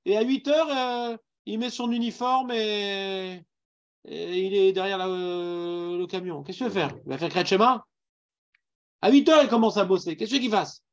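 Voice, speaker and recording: A man's voice: high-pitched, unhurried, muffled recording. A man with a Parisian accent teaching a Talmud class, putting questions to his students and mixing in Hebrew terms. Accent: Parisian French.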